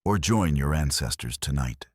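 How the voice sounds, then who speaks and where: A man voicing a stern, weathered old Apache elder who speaks in a grave, measured, formal way. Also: rumbling low, lively intonation, darkish tone, no room sound, clean studio sound.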